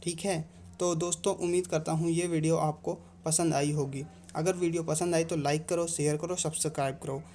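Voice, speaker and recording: A man with a mellow, relaxed voice teaches a lesson, calmly walking through each point with examples. A faint background hum sits under his voice. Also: a little high, moderate pace. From India. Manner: calm step-by-step explaining with examples. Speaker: Hindi teacher. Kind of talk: explanatory video lesson.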